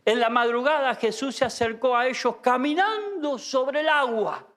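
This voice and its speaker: A man's voice: very high-pitched, animated, moderate pace, a bit bright. A man with an Argentine accent preaching an impassioned sermon in a church as pastor, full of rhetorical questions. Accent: Argentine Spanish.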